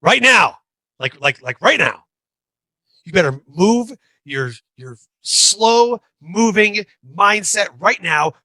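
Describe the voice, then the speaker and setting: A man's voice: sits high, lively intonation, takes it slowly, no echo, voice pushed up, heavily acted, rough recording. A man doing a barking drill sergeant. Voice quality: shouting, threatening. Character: loud bossy male drill sergeant barking orders.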